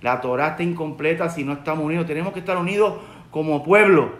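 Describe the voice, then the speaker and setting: This rabbi, a man in his forties from Puerto Rico with a Puerto Rican Spanish accent, talks at a quick pace in a voice on the high side that's a bit bright. He's giving an earnest Torah lesson to a webcam from his home study with bookshelves, repeating what matters most. A roomy echo fills the recording.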